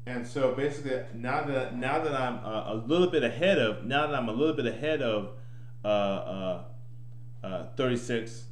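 A middle-aged man explaining his code in an informal tutorial, thinking aloud, haltingly repeating and restarting his phrases over and over. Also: medium pitch. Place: small indoor room at home. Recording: echoey room, clear background noise.

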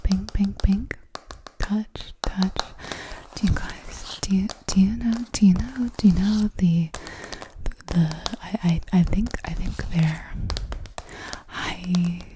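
A young adult woman doing fast whispered ASMR close to the mic, repeating words and syllables in a deliberate glitchy stutter. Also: medium pitch, background noise. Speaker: ASMR video host. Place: small decorated home studio room, indoors. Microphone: silver desktop condenser mic at the lips.

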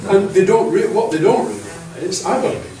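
The voice is high and sing-song, mellow, and at a normal speed: an older bishop lecturing clergy in a chatty, story-filled way, with many stammered restarts. Heard from a camera across a meeting room with a projector screen, the sound is distant and echoey, with a faint hiss.

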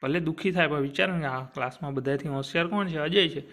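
A man's voice: a little high, fast, fairly bright tone. A young man teaching a grammar lesson for exam students, repeatedly asking short questions and answering them himself. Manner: asks and answers his own questions. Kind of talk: classroom grammar lecture.

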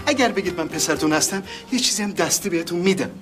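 A sly schemer who whispers deals in a wheedling tone. His voice is high, with faint music behind it. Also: expressive. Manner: wheedling, conspiratorial. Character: sly man making a deal. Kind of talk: sitcom acting.

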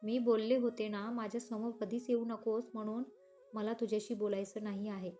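A woman voicing a proud young woman in a read-aloud romance story, defiant and sharp-tongued. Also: a little high, flat delivery, moderate pace, soft background music, lightly acted. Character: young woman, sulky, proud, angry at her ex.

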